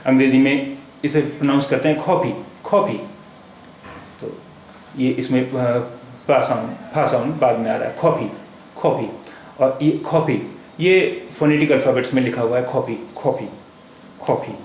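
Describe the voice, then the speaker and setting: A man teaching a spoken English lesson, speaking slowly and repeating words with many hesitations. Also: mid-range voice, fairly even intonation, a little mellow. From India. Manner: slow, repetitive, with many hesitations. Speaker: language teacher. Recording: echoey room with faint background noise.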